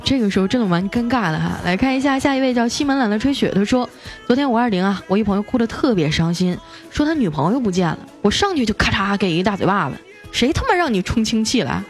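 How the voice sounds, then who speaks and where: A woman's voice: mid-range voice, lively intonation, soft background music. A woman radio host reading out listener jokes in a playful, chatty way, adding teasing comments of her own. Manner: playful, chatty, teasing asides with drawn-out particles. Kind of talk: lively comic radio reading.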